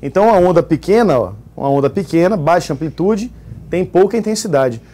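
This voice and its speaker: A man's voice: sits high, expressive, fairly quick, warm tone. A man co-teaching a live exam-prep class with a Brazilian Portuguese accent, joking and reading out viewers' towns. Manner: jokey, reads out audience towns.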